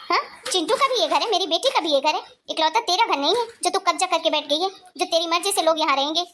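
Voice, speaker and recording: A woman voicing a sharp-tongued grandmother and mother-in-law in a cartoon story, bossy and taunting. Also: very high voice, quick pace. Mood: scolding.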